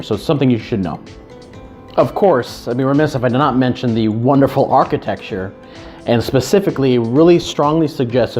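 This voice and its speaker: A man's voice: medium pitch, warm tone. Earnest man talking to camera. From Chicago. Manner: earnest, with frequent restarts and repeated words. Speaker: real estate agent and channel host. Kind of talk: casual to-camera talk. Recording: slightly dull lo-fi sound with faint music.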